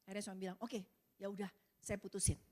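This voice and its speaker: A woman pastor preaching to a women's service, telling a story with animated, rising emphasis. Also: medium pitch, fast talker. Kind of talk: sermon with storytelling.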